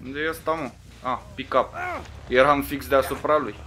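Excitable Romanian man yelling at a game. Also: mid-range voice, slight background noise. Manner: swearing, taunting and yelling at other players. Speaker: gamer commentating his own play. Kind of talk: casual gaming commentary.

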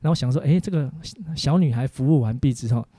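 A man, a preacher giving a teaching sermon for an online course, full of animated stories about his family. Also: mid-range voice, quick pace, no echo.

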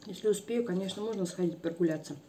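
A woman with a Russian accent, a mukbang vlogger chatting softly at home with her mouth full of rice. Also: medium pitch, fast talker, a little hiss or hum. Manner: soft, chatty, musing aloud. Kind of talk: casual chat while eating.

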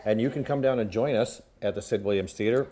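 A man's voice: lowish voice, fast talker, dark tone. A middle-aged man, an event MC chatting in a casual, jovial, folksy way as he promotes something in an interview. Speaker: telethon MC, interview guest. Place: indoor hallway.

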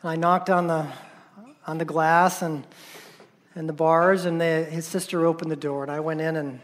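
Halting, soft-spoken surgeon telling a story. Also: male voice, a little high, little pitch movement. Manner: halting, repeats words, voice drops soft at painful moments. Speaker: surgeon and conference speaker. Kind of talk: personal storytelling talk.

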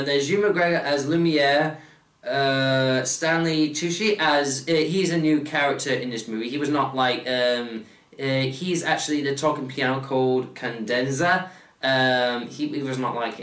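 A man's voice: mid-range voice, fairly bright tone. A man chatting casually about a movie trailer, hesitant and stammering, with frequent restarts and filler words. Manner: hesitant, stammering, full of restarts and "you know". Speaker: movie trailer reaction vlogger. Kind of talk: casual movie reaction commentary. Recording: echoey room, mic at a distance.

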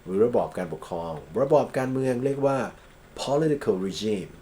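A Thai man lecturing on English grammar and legal vocabulary, reading English examples slowly and then explaining them quickly. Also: medium pitch, animated, mellow.

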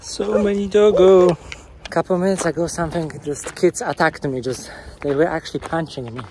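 A young man narrating his budget travel vlog outdoors, talking into a handheld camera in plain, halting phrases. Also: on the high side, fairly even intonation. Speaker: travel vlogger. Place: outdoors on beaches, trails and streets. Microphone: handheld camera at arm's length. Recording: loud outdoor noise.

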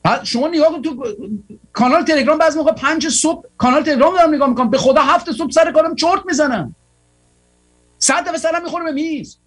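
A man's voice: extremely high pitch, a bit bright. A tired man hosting a political broadcast, giving a fervent, rallying monologue full of repeated exhortations.

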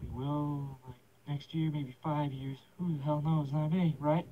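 A man's voice: on the high side, fairly even intonation, measured pace. A young man vlogging through a gas mask, rambling and swearing in an offhand way. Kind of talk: casual rambling vlog talk. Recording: dull lo-fi with faint hiss.

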